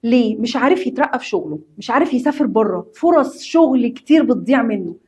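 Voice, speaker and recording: A woman teacher with an Egyptian Arabic accent walks students through English grammar. Her voice sits a little high and sounds husky and breathy. She talks straight to the class, repeats the key points with emphasis and slips English terms into her Arabic. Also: big pitch swings, fast talker, mellow. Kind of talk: explaining a grammar lesson to students.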